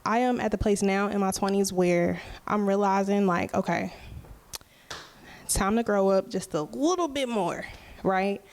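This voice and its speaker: Her voice sits in the mid range and is a little mellow, with slight background noise behind it. She's a musician in her twenties running a solo podcast, chatting in a slow, relaxed, open way and frequently asking "right?".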